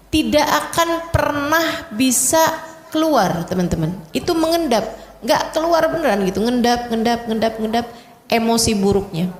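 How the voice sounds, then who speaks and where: Chatty woman preacher in echoey hall. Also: sits high. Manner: chatty storytelling, addresses audience directly. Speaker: Islamic preacher. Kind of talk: religious lecture in casual speech. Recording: echoey hall with long reverb.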